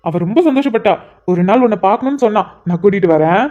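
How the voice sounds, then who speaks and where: The clip is cartoon voice acting by a woman portraying a young man who weeps with fond sentiment on meeting an old friend, pleading and emotional. Her medium-pitched delivery is fast and expressive yet near her natural voice; the lo-fi sound is slightly muffled.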